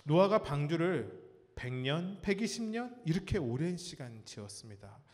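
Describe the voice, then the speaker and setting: Animated pastor preaching in a reverberant hall. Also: male voice, a little high, normal speed. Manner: animated storytelling, acts out cries and quotes; asks the congregation questions. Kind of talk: sermon. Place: church sanctuary.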